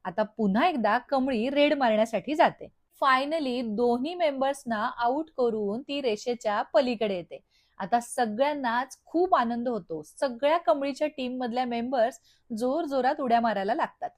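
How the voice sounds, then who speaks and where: A woman's voice: sits high, moderate pace, no echo, studio quality. Woman narrating a TV episode recap. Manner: steady storytelling. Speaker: TV serial recapper.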